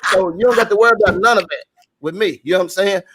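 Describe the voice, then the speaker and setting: A man co-hosting a talk show rants casually in colloquial street talk, his voice high and rapid-fire over a noisy background. He repeats himself and swears mildly and often as he preaches his opinions to his co-hosts and the audience.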